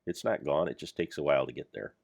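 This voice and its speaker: A man's voice: rumbling low, quick pace, gravelly, a little mellow, dry recording, clean studio sound. An older man giving rambling, self-deprecating commentary over his gameplay of a Minecraft mod pack. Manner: meandering, self-deprecating, jokey.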